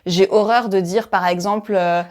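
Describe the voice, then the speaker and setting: A woman hosts a relaxed podcast conversation. She thinks out loud, often trails into fillers, and laughs easily. Her voice sits in an ordinary middle pitch. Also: normal speed. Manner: reflective, chatty, laughs easily. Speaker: podcast host. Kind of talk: casual conversational interview.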